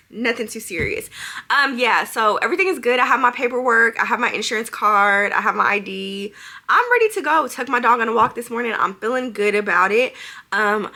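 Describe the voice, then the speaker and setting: Bright, husky-voiced young woman vlogging. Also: medium pitch. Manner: nervous, chatty, laughing through anxiety. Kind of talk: casual vlog to camera. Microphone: handheld phone camera.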